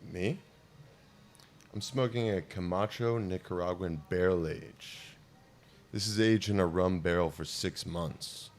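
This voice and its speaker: A man hosting a relaxed, joking chat and talking easily about cigars. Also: low voice, a little slow. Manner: laid-back, joking. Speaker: show host. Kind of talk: casual chat.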